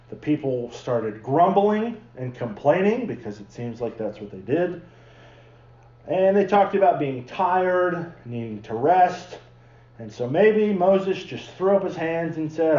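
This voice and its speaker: A man's voice: a little high, warm tone, roomy sound, dull audio. A man preaching a sermon, telling the story in a chatty way and acting out the people in it. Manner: conversational storytelling, acting out the characters. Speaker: pastor. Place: church sanctuary.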